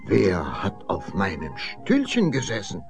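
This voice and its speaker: A man voicing seven kindly little dwarfs in a fairy-tale reading, in a lively, questioning tone. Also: sits low, unhurried, creaky, soft background music, exaggerated voice. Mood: puzzled. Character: seven small, fussy male dwarfs, kindly miners.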